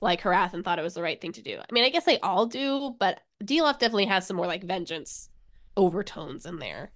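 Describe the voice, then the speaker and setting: A woman's voice: on the low side, sing-song, brisk, a bit bright. A young woman co-hosting a podcast, retelling a book's plot in casual chat with a hesitant, giggly manner. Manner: hesitant, lots of filler, giggly. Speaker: podcast co-host. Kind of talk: casual book discussion.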